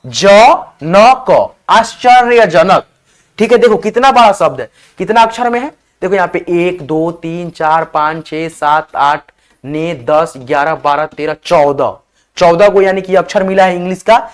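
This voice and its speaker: A man teaching how to spell words, spelling them slowly letter by letter and often calling viewers his friends. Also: sits high.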